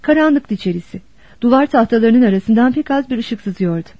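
A woman narrating a novel as an audiobook in a steady, expressive storytelling manner. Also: fairly high pitch, brisk, no room sound. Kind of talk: scripted narration. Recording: dull dry lo-fi recording.

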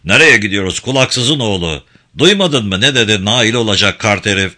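A man's voice: medium pitch, moderate pace, bright, forceful tone, close to an everyday voice. A man voicing a burly, hot-tempered young village strongman in a storybook reading. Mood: angry.

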